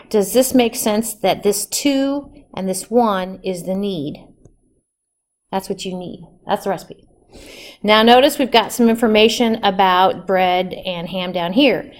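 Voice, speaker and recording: A woman's voice: medium pitch, a little slow. Woman teaching a chemistry class. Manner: chatty, asks students questions. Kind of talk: classroom lecture. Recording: echoey classroom recording.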